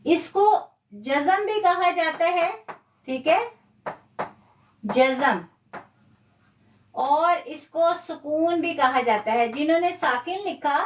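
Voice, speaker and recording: Woman teacher, high voice, slow and patient, echoey room away from the mic. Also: expressive, distant mic. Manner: slow, patient explaining with repetition. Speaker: Quran tajweed teacher. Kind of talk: live online lesson.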